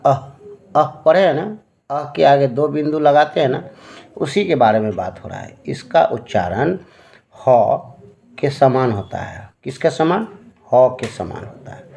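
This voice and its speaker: At a board, a man with a medium-pitched, gravelly, slightly mellow voice teaches Hindi grammar to children. He goes slowly and patiently, using fillers and asking "है ना?" to check they're following.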